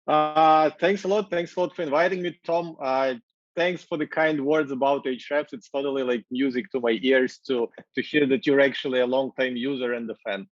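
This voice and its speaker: A man in his thirties from Ukraine with a Ukrainian accent, speaking English in a casual, energetic interview with many fillers, over wireless earbuds on a video call. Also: mid-range voice, moderate pace, no room sound, muffled recording. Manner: energetic, gestures while talking, many fillers. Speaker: marketing executive guest. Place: office with glass walls, indoors.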